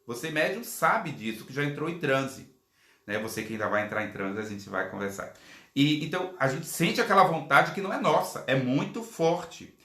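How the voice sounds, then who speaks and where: A man giving a live-streamed lecture as a spiritual teacher. He speaks in an animated, colloquial way and acts out quotes. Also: medium pitch, echoey room.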